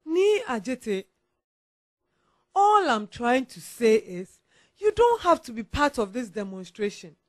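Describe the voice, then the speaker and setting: A woman acting as a sergeant's worried wife in a period drama, speaking with a Ghanaian English accent. Her voice is high and lively as she pleads with him. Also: slow pace, pauses often. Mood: pleading.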